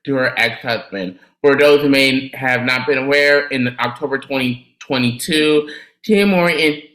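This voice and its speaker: Bright-voiced man reading a news item. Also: medium pitch, normal speed, echoey room, low-quality recording. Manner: reads with stumbles and self-corrections. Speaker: podcast co-host presenting topics.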